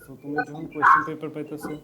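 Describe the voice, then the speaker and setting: A man's voice: on the high side, monotone, rapid-fire, a loud crowd. A man giving a casual IELTS tutoring lecture, mixing English tips into loose, chatty explanations with many fillers.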